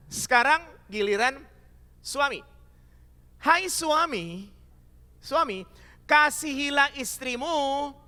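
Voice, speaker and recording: A man preaching a lively sermon to his congregation, calling out to them as he goes. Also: very high-pitched. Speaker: pastor. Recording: long hall reverb.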